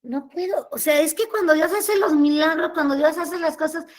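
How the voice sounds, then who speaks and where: A woman's voice: high-pitched, normal speed. A middle-aged woman gives a heartfelt spoken testimony as a guest. She talks earnestly, repeats herself and speaks to her listeners as her children.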